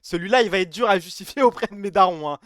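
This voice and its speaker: Male streamer, high voice, dry close mic, rowdy joking chat with chat. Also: fast, no echo. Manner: animated, joking, reads chat aloud, swings loud and soft. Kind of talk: casual late-night stream chat.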